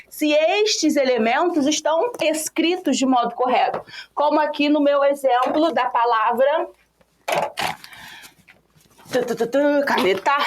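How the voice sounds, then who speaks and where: High-voiced lively Brazilian woman teacher. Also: slight background noise. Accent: Brazilian Portuguese. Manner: lively, playful, teasing students by name. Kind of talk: online exam-prep class.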